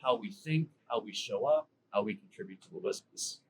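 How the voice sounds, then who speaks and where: A man's voice: lowish voice, lively intonation, fairly quick, a little hiss or hum, low-quality recording. A middle-aged man talking as a guest inside a car, earnest and repeating words as he thinks. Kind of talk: casual chat.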